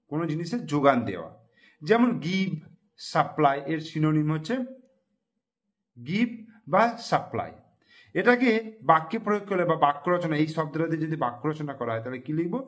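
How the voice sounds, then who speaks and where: A man tutoring young students, spelling words letter by letter and repeating them slowly. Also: a little high, sing-song. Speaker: math and English tutor.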